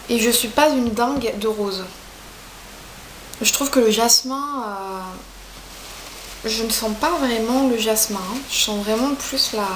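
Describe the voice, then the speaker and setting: A woman in her twenties reviewing beauty products in a casual, chatty way, hesitating often with fillers. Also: fairly high pitch. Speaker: beauty vlogger. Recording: echoey room, faint hiss.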